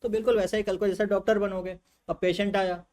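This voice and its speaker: This lively physics teacher talks fast, his male voice sitting a bit above the usual pitch. Lecturing his class, he poses one rhetorical question after another and plays out how the students might respond.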